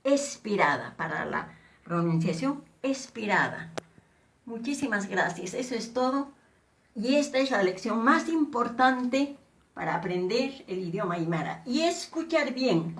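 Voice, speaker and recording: A woman teaching a language lesson, slowly repeating syllables and words for students to copy. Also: a little high, lively intonation. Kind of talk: slow spoken language lesson with drills.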